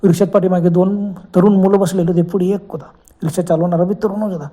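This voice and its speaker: A man's voice: high-pitched, steady tone, fast, dark tone. A man narrating a horror story with a dramatic, exclaiming manner.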